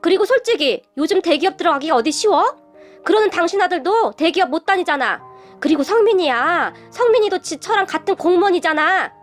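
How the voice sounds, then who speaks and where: A woman voicing a stern middle-aged father who scolds his wife bluntly and loudly. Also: extremely high pitch, animated, brisk, faint music behind. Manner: blunt, loud.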